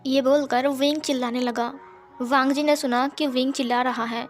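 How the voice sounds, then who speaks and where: A woman narrating a fan-fiction story in a lively, conversational way. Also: high voice, moderate pace, faint music behind.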